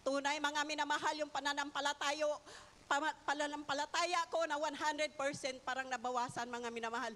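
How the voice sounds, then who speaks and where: An older woman with a high, bright voice gives an impassioned testimony before a church congregation. She keeps addressing her listeners as beloved and breaks into hallelujahs between sentences. Her voice rings with the long reverb of a large hall. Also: steady tone, a little fast, slight background noise. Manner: fervent, repeats "mga minamahal" and hallelujah. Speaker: church member giving testimony. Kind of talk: testimony in a worship service.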